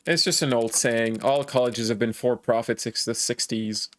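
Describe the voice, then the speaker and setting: A man's voice: medium pitch, fairly even intonation, moderate pace, fairly bright tone. A man streaming a story game, talking along to the scenes with a wry, dry humor. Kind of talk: casual game commentary and read-along.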